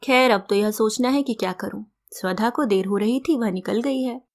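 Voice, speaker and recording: A woman storyteller reading a first-person story aloud in a gentle, reflective, measured way. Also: fairly high pitch.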